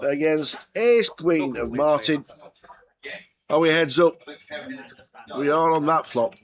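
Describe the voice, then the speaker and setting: Slow-paced, higher-voiced male poker commentator. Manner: deliberate, short clipped phrases. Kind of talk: measured play-by-play poker commentary.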